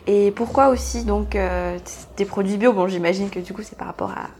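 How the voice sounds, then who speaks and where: A woman interviewing a guest in a relaxed chat, halting often with fillers and laughing lightly. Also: mid-range voice, a little hiss or hum. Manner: hesitant, many fillers, friendly laughs.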